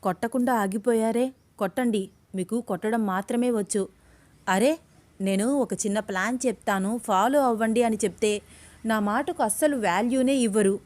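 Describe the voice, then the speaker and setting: Woman doing a shrill, fiery young woman. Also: normal speed, a little mellow, no echo, lightly acted. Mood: angry. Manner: shrill, agitated pleading. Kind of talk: audio story voice acting.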